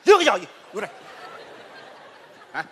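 An actor playing an indignant, quarrelsome husband, shouting back at his wife in a stage comedy sketch. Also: sits high, huge pitch swings, moderate pace, slight background noise. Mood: indignant bickering. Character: quarrelsome middle-aged husband accused of cheating. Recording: stage hall reverb.

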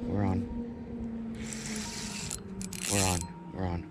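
A young fishing vlogger hosts from a grassy canal bank, giving upbeat, casual commentary on his trip and calling out to viewers, filmed on a wide-angle action camera worn on his body. His low voice has little pitch movement and drawn-out words, with music playing beneath it.

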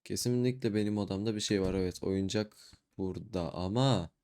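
A young man giving low-key let's play commentary, muttering his way through a horror game and reading its dialogue aloud in a flat voice. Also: brisk. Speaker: gaming YouTuber.

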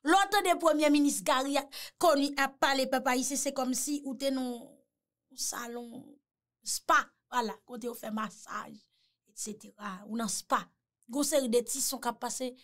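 A woman's voice: high voice, steady tone, a little slow, a bit bright. A Haitian woman giving a mocking, teasing commentary, slipping in French phrases. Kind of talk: animated commentary.

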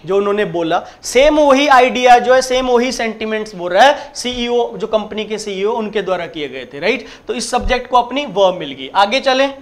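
A man teaching an exam-prep grammar lecture, explaining step by step, repeating his points and reading the example sentences slowly. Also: high voice, expressive. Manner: emphatic, repeats points and keeps checking in. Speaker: English teacher.

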